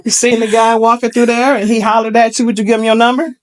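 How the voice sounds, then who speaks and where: A woman with a Detroit accent hosting a dating show, asking quick casual questions and laughing often. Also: a little high, little pitch movement. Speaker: game show host.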